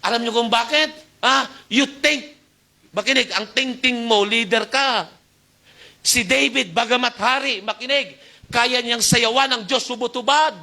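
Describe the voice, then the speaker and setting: Youth pastor guy preaching, keeps asking amen, goes loud then soft, really high bright voice. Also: measured pace, vocal fry. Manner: exhorting, calls for amen, shifting loud and soft. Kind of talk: Taglish sermon. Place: church youth service.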